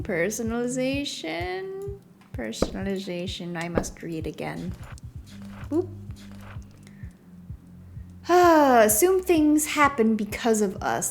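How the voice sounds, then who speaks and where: A woman plays through a story game, commenting casually and playfully. Her pitch swings widely and her pace is slow as she thinks aloud, with faint game music underneath. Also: gravelly. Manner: playful, talks back to the characters, thinks aloud.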